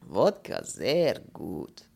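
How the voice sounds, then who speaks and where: A man voicing a bearded Polish émigré who speaks slow, broken German with a Polish accent. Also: low voice, huge pitch swings, vocal fry, a little mellow, breathy edge, pitched below the performer's own voice, full character voice. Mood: yearning. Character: impoverished Polish male émigré, bearded, smug.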